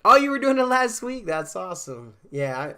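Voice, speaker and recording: A very animated man with a high, sharp, clean-toned voice chats with viewers on his game stream at a normal speed. He's a bit congested from a cold, and his rambling talk is full of fillers and restarts.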